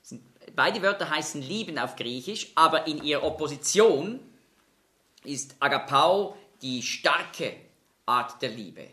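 A man preaching a Bible-teaching sermon, explaining scripture in a measured way and slowing down to stress quoted words. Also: on the high side, animated, bright, forceful tone.

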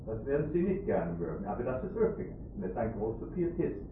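A man preaching a sermon with emphasis, quizzing his listeners with rhetorical questions in halting, ungrammatical phrasing. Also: medium pitch, big pitch swings. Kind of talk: sermon to a congregation. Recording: tinny phone-like lo-fi recording, faint hiss.

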